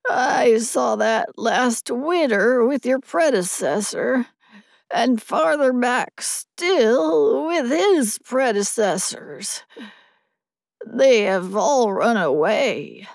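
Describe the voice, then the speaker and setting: A hoarse old yard dog, as a woman puts him on in a storybook, a gruff know-it-all who drawls out his lectures very slowly. He sounds close and dry. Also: fairly high pitch, animated, dry recording, voice pushed up, heavily acted. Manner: slow, knowing, lecturing.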